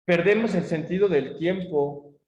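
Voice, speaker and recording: A man's voice: high-pitched, a little slow, a little mellow. A middle-aged Mexican man giving a conversational conference talk, telling anecdotes with many tag questions and fillers. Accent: Mexican Spanish. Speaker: conference speaker. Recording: echoey, dull lo-fi room audio.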